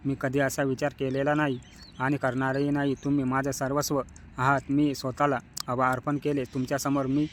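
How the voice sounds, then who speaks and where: A man's voice: medium pitch, flat delivery, normal speed, a little hiss or hum, natural voice. A man voicing a devoted young wife who pleads insistently with her husband. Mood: upset.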